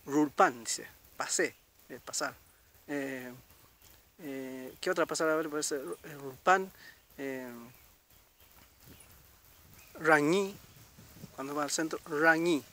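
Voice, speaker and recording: A middle-aged man from Chile teaching a language lesson, patiently repeating words slowly and checking in with listeners. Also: medium pitch, steady tone, a bit bright. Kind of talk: casual spoken lesson.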